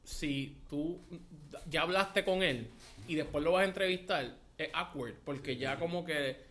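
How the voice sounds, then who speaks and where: A man's voice: fairly high pitch, measured pace, a bit bright. A man with a Puerto Rican accent telling a story in casual, profane chat, slipping English words into his Spanish.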